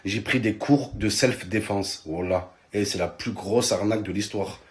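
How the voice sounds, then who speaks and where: A man doing comic monologue sketches, lively and mocking, often slipping into other voices. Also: on the low side, normal speed. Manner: animated, switches into mocking voices. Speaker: comedian. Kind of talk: stand-up style comedy sketches.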